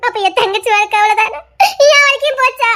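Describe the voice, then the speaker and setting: A woman's voice: fast, pushed and bright. A woman voicing a distraught young wife who is tearful and accusing in an audio drama. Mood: despairing. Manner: shrill, accusing, near tears.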